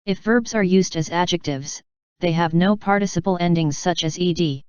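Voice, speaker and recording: A woman reading scripted educational narration in a measured, formal, explanatory way. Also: lowish voice, darkish tone, smooth, no echo, dull audio.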